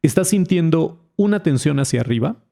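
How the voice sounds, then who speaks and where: Gravelly man tutoring physics. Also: fairly high pitch, animated, moderate pace, warm tone. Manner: casual, chatty explaining, talks to the viewer directly. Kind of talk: explaining a physics lesson over drawings.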